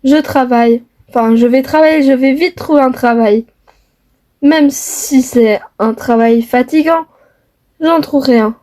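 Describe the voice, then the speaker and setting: Brief: defiant young lover son, woman acting, earnest, stumbles on fillers, high pitch. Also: measured pace, mellow. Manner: earnest, hesitant with many fillers. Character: young man in love, defiant toward his mother. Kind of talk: homemade family skit.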